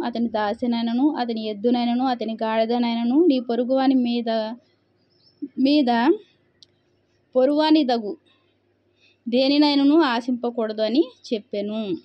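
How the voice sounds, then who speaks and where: A woman's voice: a little high, steady tone, measured pace, pauses often, dull audio. A woman preacher reading scripture aloud and explaining it, asking rhetorical questions and answering them herself. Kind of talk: Bible reading and sermon.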